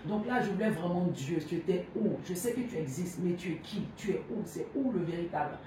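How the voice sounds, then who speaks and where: A woman's voice: on the low side, expressive, fairly quick, distant mic. Woman, emotional testimony, earnest, very echoey room, faint background noise. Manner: earnest, intense, heartfelt. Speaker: speaker giving a testimony.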